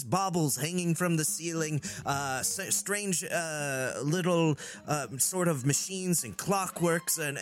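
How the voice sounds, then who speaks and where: A man's voice: fairly high pitch, a bit bright. A man running a tabletop game as game master, narrating with many fillers. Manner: rambling with many fillers, laughs while narrating.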